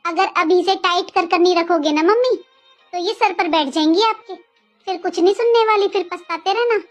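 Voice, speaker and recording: A woman's voice: very high-pitched, moderate pace, faint music behind. A woman voicing a scheming young sister-in-law who talks in a needling, insistent way.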